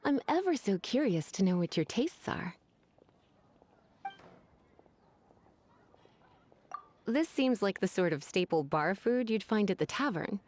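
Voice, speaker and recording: A woman's voice: medium pitch, darkish tone, a little hiss or hum, lightly acted. Woman playing flirtatious, lilting witch librarian Lisa. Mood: flirtatious, teasing. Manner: teasing, coquettish, refined. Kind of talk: video game voice acting.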